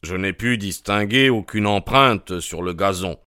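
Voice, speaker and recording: A man's voice: fairly low pitch, pushed and bright, clean tone, no echo, studio quality. Man reading a grave, cautious country doctor. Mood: factual. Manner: measured, earnest, reluctant. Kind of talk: audiobook character reading.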